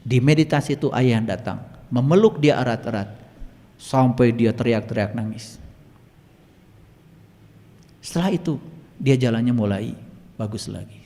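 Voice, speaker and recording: A man telling healing stories as a spiritual teacher in a motivational talk, swinging between loud emphatic peaks and quiet low asides. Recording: long hall reverb.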